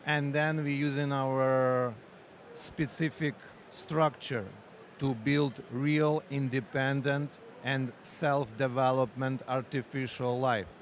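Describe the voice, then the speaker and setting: A company founder and researcher gives a conference interview in halting English with a Ukrainian accent, pausing often and using fillers. His medium-pitched voice shows little pitch movement. Faint street and vehicle noise sits in the background.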